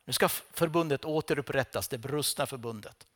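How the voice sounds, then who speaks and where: A man preaching a sermon, retelling scripture with dramatic storytelling, swinging between loud outbursts and hushed lines. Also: medium pitch.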